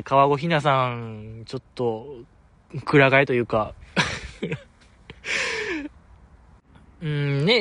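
A man's voice: a little high, a bit bright, dry recording. A man with a Kansai accent hosting a casual solo talk show, reading listener messages in a chatty, self-deprecating way. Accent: Kansai Japanese. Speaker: radio show host reading listener mail.

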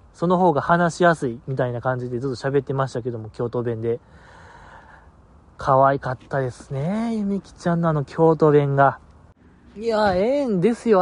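A man's voice: fairly high pitch, a little mellow. A man hosting a podcast alone, chatting casually in a rambling, self-mocking and sleepy way. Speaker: podcast host. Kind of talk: casual solo podcast chat.

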